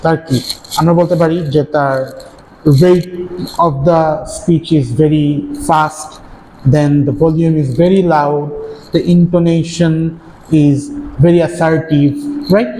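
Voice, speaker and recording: A man's voice: fairly high pitch, steady tone, drawn-out words, mellow. A male university lecturer giving a classroom lecture, switching between Bengali and English and checking in with frequent tag questions. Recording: echoey hall, faint ambient noise.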